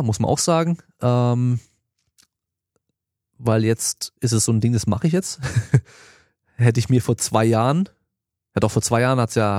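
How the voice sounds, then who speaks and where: A man's voice: mid-range voice, a little mellow, dry recording, clean studio sound. A man in his thirties hosting a podcast, answering listener questions in a loose, colloquial way. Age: 30s. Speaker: podcast host and strength coach. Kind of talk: casual podcast Q&A.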